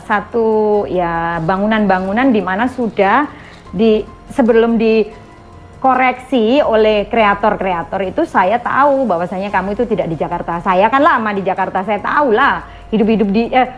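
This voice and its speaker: Woman host, accusatory commentary, mid pitch, music bed behind. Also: highs cut off. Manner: accusing, addresses viewers as pemirsa. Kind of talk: direct-to-camera commentary.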